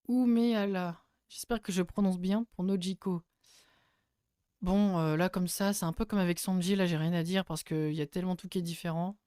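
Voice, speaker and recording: A man giving casual spoken commentary as a YouTuber reviewing casting photos, hesitant with many fillers and sudden bursts of excitement. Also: high voice, clear, resonant tone, no room sound, clean studio sound.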